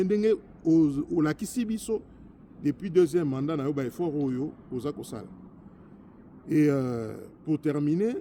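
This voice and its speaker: With a fairly high, mellow voice and some faint background noise, a Congolese politician who once sat in parliament gives a fervent address. His delivery is emphatic and repetitive, alternating French with Lingala.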